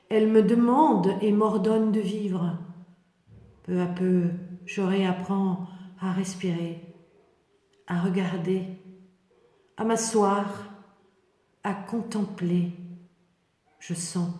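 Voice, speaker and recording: A woman reading a scripted, poetic biblical meditation in the first person, in a contemplative, measured manner. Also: medium pitch, mellow. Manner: slow, poetic, contemplative delivery with measured phrases. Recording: echoey hall with long reverb.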